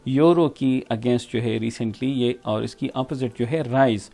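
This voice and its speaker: A man with a Pakistani accent teaching from an English textbook, reading each sentence slowly and then explaining it in quick bursts, often checking in with "theek hai". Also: medium pitch, gravelly, dark tone, soft background music.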